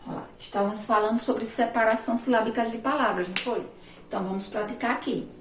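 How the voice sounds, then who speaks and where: A fairly high-voiced Brazilian woman teaching young children over a remote class, recorded from across an echoey room. She speaks patiently and draws words out slowly, syllable by syllable. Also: fairly even intonation, far from the mic, a little hiss or hum. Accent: Sergipe Brazilian Portuguese. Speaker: primary school teacher. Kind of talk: remote class lesson at a board.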